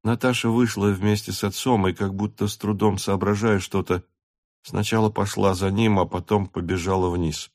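A man narrating a classic novel aloud in a measured, expressive reading. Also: lowish voice, dry recording, clean studio sound. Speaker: audiobook narrator. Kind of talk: scripted narration.

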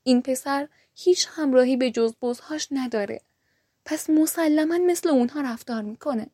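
A wise and defiant young noblewoman from a folk tale, as a woman reads her, firm and outspoken. Her voice is high and mellow, recorded close and dry. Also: husky, no room sound.

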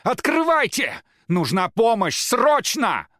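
A man voicing a violent, foul-mouthed young addict who shouts threats and curses. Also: very high-pitched, huge pitch swings, slow pace, dry recording, studio quality, voice pushed up, full character voice. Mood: raging.

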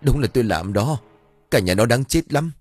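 A man's voice: mid-range voice, expressive, normal speed, darkish tone, pitched above the performer's own voice, lightly acted. A man voicing a haughty, ruthless lady of the house in a spoken story. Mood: cold. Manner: haughty and cold. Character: cold ruthless middle-aged lady of the house.

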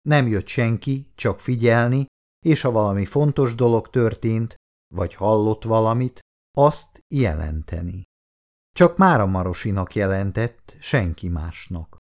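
A man reading an audiobook aloud with an expressive, animated delivery. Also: fairly low pitch, vocal fry. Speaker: audiobook narrator.

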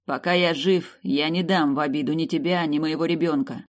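An audiobook reader voicing a stern, wounded male dragon lord who speaks heavily and gravely. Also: a little high, fairly even intonation, a little fast, lightly acted. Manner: grave, heavy-voiced.

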